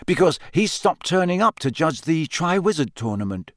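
A curious teenage boy from a storybook presses his questions eagerly, voiced by a male narrator. His pitch sits above the narrator's own and moves in lively steps. The recording is dry and close. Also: normal speed, no room sound.

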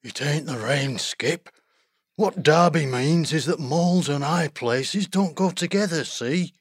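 A large hedgehog guard from a storybook, voiced by a male narrator. He talks in a rough, plain country way. His voice is pushed high and recorded close and dry. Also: measured pace, no echo. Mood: worried.

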